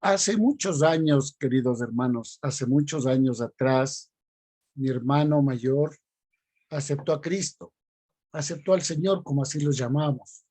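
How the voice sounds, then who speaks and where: A man's voice: medium pitch, measured pace, dark tone. An older man giving an earnest testimony in a Bible study, repeating phrases for emphasis. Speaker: church elder sharing a testimony.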